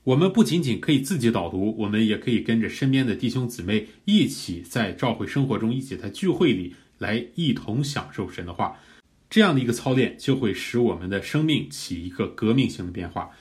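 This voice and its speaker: A man preaching a teaching sermon, earnest and measured, explaining a practice of prayer step by step. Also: fairly low pitch, very animated, a little mellow. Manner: earnest, measured, rising in fervor during prayed examples. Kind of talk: teaching sermon on pray-reading scripture.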